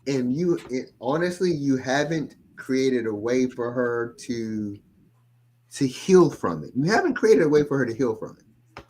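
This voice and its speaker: A man chatting casually on a podcast, animated and swearing freely. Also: mid-range voice, a little slow, slight background noise. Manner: animated, swearing, acts out quotes.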